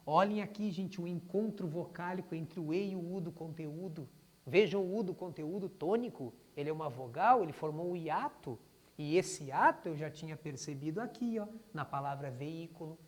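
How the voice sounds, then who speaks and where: Brazilian man teaching grammar in a hall. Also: a little high. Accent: Brazilian Portuguese. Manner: addresses students as "gente", refers to himself as "o prof". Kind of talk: classroom lesson. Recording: long hall reverb.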